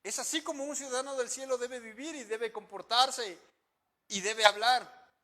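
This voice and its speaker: A man preaching a sermon to his congregation. He asks them questions, answers them himself, and his loudness rises and falls a lot. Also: very high-pitched, moderate pace. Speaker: pastor.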